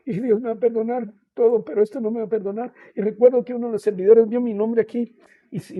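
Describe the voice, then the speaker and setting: High, dark-voiced Guatemalan pastor. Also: male voice, dry recording. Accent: Guatemalan Spanish. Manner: earnest storyteller, keeps addressing the listener as "hermano"; halting, with many restarts and fillers. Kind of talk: personal faith testimony in a podcast interview.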